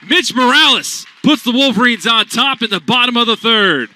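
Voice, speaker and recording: Calling baseball play-by-play on the radio, a young male announcer uses a high, very bright, ringing voice at a moderate pace. His punchy, animated delivery is classic sportscaster style, keeping the action moving for listeners who can't see the field.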